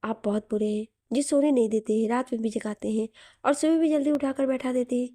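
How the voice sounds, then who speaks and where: A woman's voice: on the high side, fairly quick, mellow, dry recording, studio quality, lightly acted. A woman voicing a drowsy young wife who complains in a sleepy, sulky way in an audio story.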